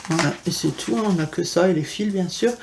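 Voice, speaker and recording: A woman's voice: lowish voice, fairly quick, gravelly, darkish tone, a little hiss or hum. A woman vlogger showing her cross-stitch kits in a casual, chatty way, with frequent fillers and restarts. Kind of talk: casual show-and-tell chat.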